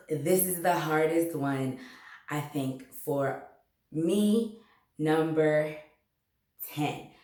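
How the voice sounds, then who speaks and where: Slow, earnest woman with a low voice. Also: a little mellow, echoey room. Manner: slow, earnest, faith-filled. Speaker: health educator. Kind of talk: motivational health talk.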